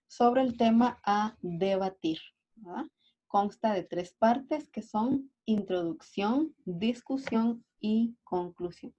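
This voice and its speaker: A woman's voice: medium pitch, mellow. A woman teacher, going through a class review step by step and often checking in with "right?". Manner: explains step by step, often asks "¿verdad?" and "¿sí?". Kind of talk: recorded class review lesson. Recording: dull lo-fi recording.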